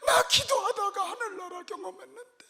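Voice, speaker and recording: A male preacher voicing a young schoolchild who cries and pleads for a father, in a high, wailing, tearful voice. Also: brisk, vocal fry, sharp tone, full character voice. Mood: sobbing, pleading. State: crying. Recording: echoey hall.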